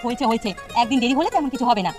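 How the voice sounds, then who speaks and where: A woman's voice: on the high side, animated, racing, a little mellow, soft background music, natural voice. A woman voicing a fretful, scolding village housewife in a cartoon.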